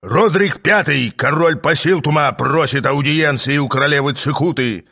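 A man's voice: a little high, normal speed, pushed and bright. Man doing a barking, dutiful old general. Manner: barked, formal announcing. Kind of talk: audiobook character voice.

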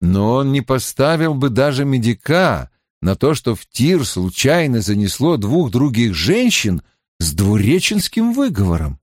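Expressive male audiobook narrator. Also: mid-range voice, a little slow, no room sound, studio quality. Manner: expressive storytelling.

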